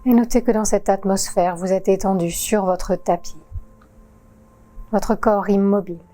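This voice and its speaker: A woman yoga teacher guiding a relaxation session in a calm, soothing voice-over with long pauses. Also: mid-range voice. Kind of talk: guided relaxation narration.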